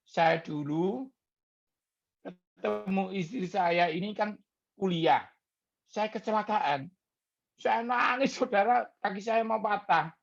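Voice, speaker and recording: A man's voice: high-pitched, takes it slowly, creaky, pauses often, dull audio. A middle-aged man from Surabaya, preaching a chatty evening prayer sermon and drawing amens from the congregation. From Surabaya, Indonesia. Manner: lively, chatty, jokes with the congregation and calls for amen. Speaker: pastor.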